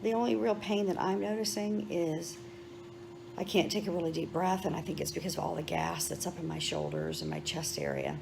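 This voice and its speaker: Low, creaky-voiced woman, weary after surgery. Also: sing-song, brisk. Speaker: patient vlogging her surgery recovery. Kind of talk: casual vlog update. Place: hospital room and corridor. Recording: noisy room sound.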